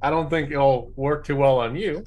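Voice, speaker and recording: A man's voice: medium pitch, normal speed, a little mellow, faint music behind. A man playing a tabletop game, speaking in character with wary, coaxing questions. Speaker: player. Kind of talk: in-character tabletop role-play.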